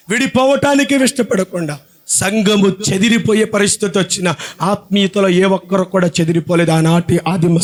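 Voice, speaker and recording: A man preaching a sermon as pastor, full of rhetorical questions and repeated phrases that swell into shouted, sung-out climaxes. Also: sits high.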